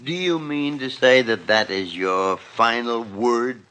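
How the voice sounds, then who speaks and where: An actor playing a gruff, blustery but kindly older male senior doctor in a 1950s radio drama. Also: mid-range voice, takes it slowly, pushed and bright. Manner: gruff, grumbling.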